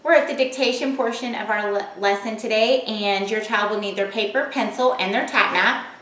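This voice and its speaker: A woman teaching a recorded phonics lesson, sounding out words slowly and clearly and encouraging the children. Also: medium pitch, a bit bright, reverberant. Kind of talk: recorded home-learning lesson.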